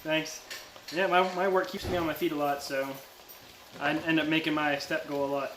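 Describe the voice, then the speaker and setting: A man's voice: a little high, little pitch movement, moderate pace. A man chatting casually on a cooking livestream in a playful, teasing manner with bursts of silliness. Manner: playful teasing, bursts of silly sing-song. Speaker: live streamer cooking. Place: indoor kitchen. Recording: echoey room, background noise of cooking.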